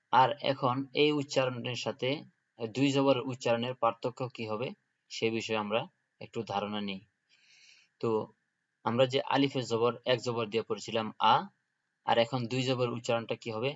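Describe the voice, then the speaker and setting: A man teaching Quran reading, spelling out letter sounds slowly and patiently, repeating each one in a steady drill. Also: mid-range voice, dull audio. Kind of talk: slow step-by-step spelling drill.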